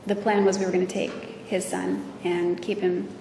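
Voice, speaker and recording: A woman's voice: fairly low pitch, level tone, creaky. Hesitant woman in a courtroom recording. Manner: hesitant, many pauses and fillers. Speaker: witness testifying. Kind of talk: courtroom testimony. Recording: echoey courtroom audio from far off with noise.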